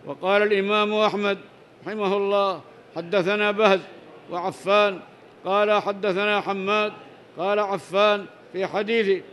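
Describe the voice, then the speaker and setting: An Islamic teacher with a high voice reads hadith aloud at normal speed, his tone level and his pitch kept narrow. He goes through each chain of narrators, then explains the text in plain words, adding short prayers along the way.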